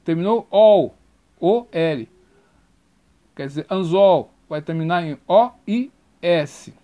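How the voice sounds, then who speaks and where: Slow, high-voiced grammar teacher. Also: male voice, lively intonation, mellow. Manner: spells out letters and repeats rules slowly. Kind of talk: recorded grammar lesson.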